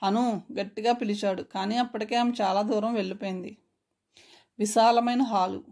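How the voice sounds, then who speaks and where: A woman storyteller narrating a crime story in a steady, even reading voice. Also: medium pitch, a little fast, gravelly.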